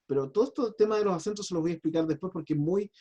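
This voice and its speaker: A man's voice: sits high, very fast, mellow, slightly rough, muffled recording. A man, a pastor teaching a biblical Hebrew class in a patient, chatty, explanatory way. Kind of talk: online class lecture.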